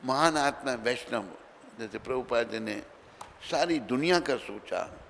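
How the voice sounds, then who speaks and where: A man preaching a sermon in Hindi, telling a story with dramatic swings between loud and soft and acting out the dialogue. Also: mid-range voice, expressive, a little slow, gravelly. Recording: reverberant hall with faint background noise.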